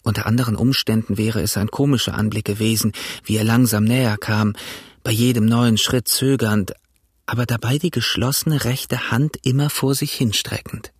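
A man narrating an audiobook in an even, measured reading. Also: on the low side, slightly rough, no room sound, studio quality. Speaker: audiobook reader. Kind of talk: scripted narration.

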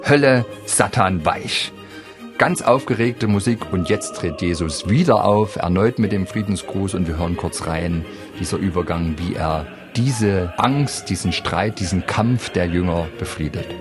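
A man explaining a Bach cantata on the radio in a measured, explanatory way. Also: sits low, over music. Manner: measured, explanatory, quotes sung text in a lifted voice. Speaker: music expert guest.

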